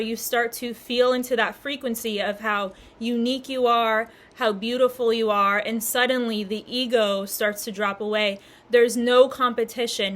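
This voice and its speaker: Giggly young woman teaching spirituality. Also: fairly high pitch. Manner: warm, giggly, upbeat with frequent laughter. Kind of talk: casual spiritual teaching to camera.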